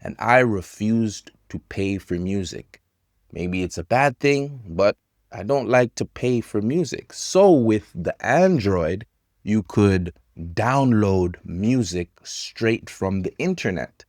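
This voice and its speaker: A man in his thirties teaching English to learners, talking about technology in slow, simple sentences with pauses. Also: on the low side, expressive, darkish tone, dry recording, clean studio sound. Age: 30s.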